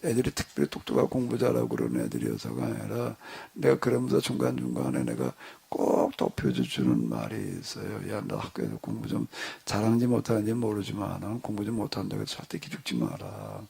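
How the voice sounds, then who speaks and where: A middle-aged male pastor telling a story to his congregation in a relaxed, conversational way, acting out the dialogue as he goes. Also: deep voice, brisk, gravelly, hardly any pauses, husky. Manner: conversational, animated retelling with quoted dialogue. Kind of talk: storytelling in a church discussion.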